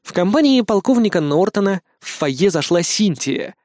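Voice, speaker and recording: A man's voice: high-pitched, very animated, moderate pace, a little mellow, no echo. Male audiobook narrator, dry close sound. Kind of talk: scripted narration.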